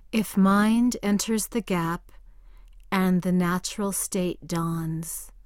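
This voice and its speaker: A woman guiding a meditation in a soft, calm voice that sometimes drifts into a whisper. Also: lowish voice, no echo, studio quality. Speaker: meditation guide. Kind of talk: guided meditation.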